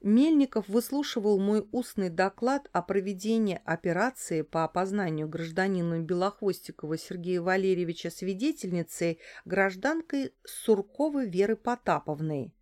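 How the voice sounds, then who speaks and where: A woman reading a first-person detective audiobook in a brisk, ironic storytelling manner. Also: mid-range voice, darkish tone. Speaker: audiobook narrator.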